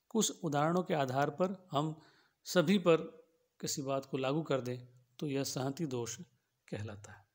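Higher-voiced man teaching logic. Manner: explains slowly, repeats and rephrases each point with simple examples. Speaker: philosophy teacher. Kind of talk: lecture on logic.

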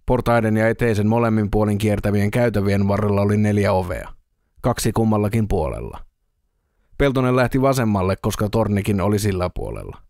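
A man reading an audiobook in a steady, even storytelling manner, close to the mic. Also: lowish voice, vocal fry, no room sound. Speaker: audiobook reader. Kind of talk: audiobook narration.

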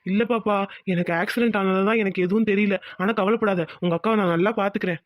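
A woman voicing a kind young village husband in a cartoon, talking in a quick, gentle and reassuring way. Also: medium pitch, fairly even intonation, dry recording, studio quality, natural voice. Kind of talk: cartoon voice acting.

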